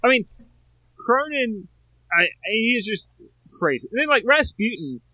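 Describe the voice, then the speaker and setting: A man co-hosting a podcast, chatting casually about a movie in an animated, rambling way. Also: very high-pitched, measured pace, no room sound. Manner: animated, rambling, full of filler words. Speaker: podcast co-host. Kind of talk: casual movie review chat.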